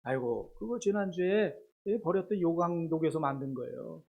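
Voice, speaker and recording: A man's voice: fairly high pitch, expressive, moderate pace, vocal fry, lo-fi sound. A man voicing a church elder who talks politely with effusive exclamations, in a sermon story. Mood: matter-of-fact. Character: cheerful older church elder, polite and eager.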